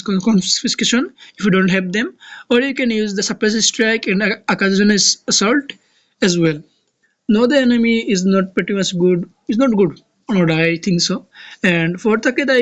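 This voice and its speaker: A game guide creator from Bangladesh, a native Bengali speaker with a Bangladeshi accent, explains a strategy game in a casual tutorial. Their medium-pitched voice is a bit bright, and they often restart words and search for terms. The recording quality is low.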